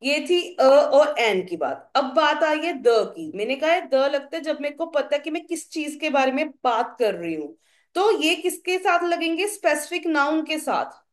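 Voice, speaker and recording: Young female teacher, high voice, slow explanations, roomy echo. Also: animated. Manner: explains slowly, asks the class questions. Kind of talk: classroom grammar lesson. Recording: echoey room.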